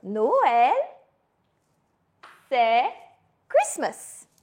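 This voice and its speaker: A woman teaching a beginner lesson, pronouncing words slowly and clearly, with playful asides. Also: a little high, huge pitch swings, darkish tone. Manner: slow, exaggerated pronunciation with playful asides. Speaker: French teacher. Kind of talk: language lesson mixing French and English.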